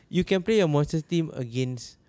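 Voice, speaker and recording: A man's voice: on the high side, expressive, normal speed, warm tone, no echo. A man with a Malaysian accent co-hosting a podcast in casual, colloquial English sprinkled with Malay slang. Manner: colloquial, slangy, uses Malay words and particles. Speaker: podcast co-host.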